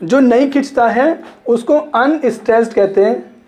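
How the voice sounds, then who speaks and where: A man's voice: extremely high pitch, unhurried, a little mellow. A man teaching literature in a classroom lecture, repeating points, checking understanding and stretching words to show stress.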